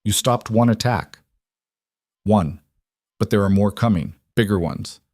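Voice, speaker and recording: A man's voice: lowish voice, unhurried, a little mellow, dry recording, clean studio sound. A man voicing a bitter, scheming male traitor who taunts his captors in a spoken story. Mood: menacing. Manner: spiteful and taunting.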